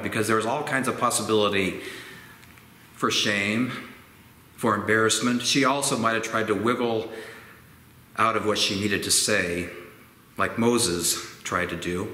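A fixed camera at medium distance records a pastor in his sixties giving a sermon in a church sanctuary with organ pipes. His fairly low voice is slow, gentle and reflective, his hands move expressively, and the audio carries roomy echo with faint ambient noise.

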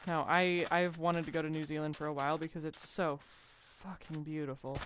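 A woman's voice: sits low, little pitch movement, moderate pace, a little hiss or hum. A woman from southern Mississippi with a Southern accent, joking and chatting casually while co-hosting a gaming video. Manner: joking, drawling, bursts into playful sung lines. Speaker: gaming co-host. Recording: loud game music behind.

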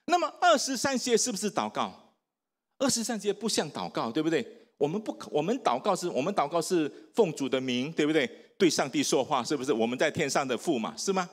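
A man's voice: fairly high pitch, very animated, fairly quick. A man preaching as a pastor at a church service, often asking the congregation questions and leading them in recitation, with light jokes. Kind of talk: sermon.

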